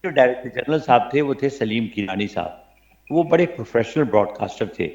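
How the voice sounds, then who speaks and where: An older man from Pakistan, a veteran radio commentator, telling animated stories as an interview guest and often checking that his listener follows. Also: medium pitch. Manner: animated anecdotes, frequent "theek hai na?" check-ins. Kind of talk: reminiscing interview storytelling. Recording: dull lo-fi broadcast audio.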